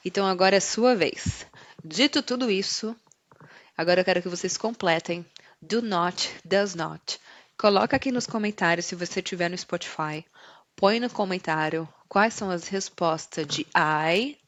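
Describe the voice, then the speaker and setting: A woman teaching English in a podcast lesson, slowing down to model each example sentence. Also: on the low side, dry recording. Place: San Diego, California.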